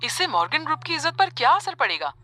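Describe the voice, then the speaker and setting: A woman plays a bossy rich grandmother who issues orders in a commanding, scolding tone. The voice sits high and swings widely between lines, with soft music under it in this dubbed drama. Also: sing-song, fast, full character voice. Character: stern wealthy grandmother, domineering. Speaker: voice actor. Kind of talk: Hindi dub acting.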